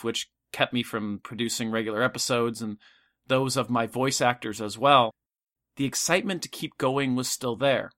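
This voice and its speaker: Earnest male podcast host, reflective, bright-toned, mid pitch. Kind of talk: anniversary message to listeners.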